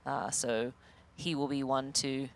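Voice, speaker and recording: A man co-commentating a live race, hesitant and filling pauses with uhs as he checks gaps and names. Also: medium pitch, level tone, gravelly, slight background noise. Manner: hesitant, many uhs while checking details.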